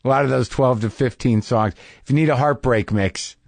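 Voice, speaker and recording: A man's voice: medium pitch, moderate pace, vocal fry, darkish tone, no room sound. A middle-aged man hosting a podcast, talking casually in a rambling, wry, self-deprecating way. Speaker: podcast host. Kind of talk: casual conversational monologue and interview.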